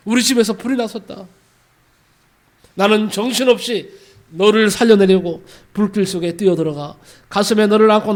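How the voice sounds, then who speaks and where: A male pastor voicing a loving mother who softly comforts her daughter and tells her about the past. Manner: soft, low, tender storytelling. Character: gentle, scarred mother, loving and consoling.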